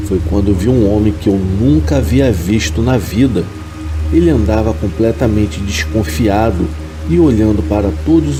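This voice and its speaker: A man reading a horror story aloud in a calm, measured scripted narration. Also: fairly low pitch, low-quality recording.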